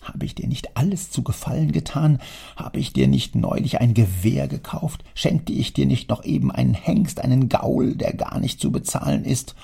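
A man voicing a stern, wealthy old father who scolds his son in an audiobook, speaking in a gravelly, husky, lecturing way. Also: medium pitch, animated, moderate pace, warm tone, pitched above the performer's own voice, heavily acted. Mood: scolding. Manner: lecturing, indignant, declamatory. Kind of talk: audiobook character reading.

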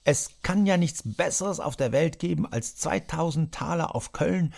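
A man voicing a retired gentleman who lectures his listener in a dramatized audiobook. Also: fairly high pitch, expressive, measured pace, vocal fry, pitched above the performer's own voice, heavily acted. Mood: lecturing.

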